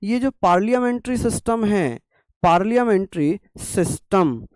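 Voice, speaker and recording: A man's voice: sits high, lively intonation, normal speed, a little mellow, smooth, dry recording. A young man teaching an exam-prep class through a sore throat, coaxing and scolding students to write notes. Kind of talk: online exam-prep lecture.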